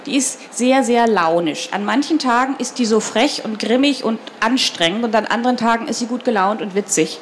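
A woman reading a children's novel aloud in the first person and then talking lively and directly to young listeners about the story. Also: a little high, moderate pace, hardly any pauses, a little hiss or hum. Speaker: reader of a children's book.

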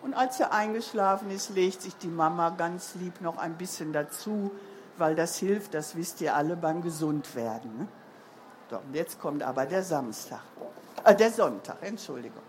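A woman reading a picture book aloud to children in a lively, sing-song manner. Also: fairly low pitch, moderate pace, a little hiss or hum.

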